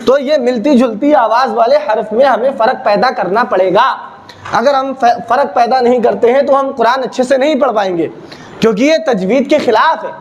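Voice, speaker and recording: A man's voice: very high-pitched, normal speed. A man teaching Quran recitation, drilling letter sounds by asking questions and answering them himself. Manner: repetitive call-and-response drilling, asks and answers his own questions. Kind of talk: classroom-style teaching video. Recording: noisy background.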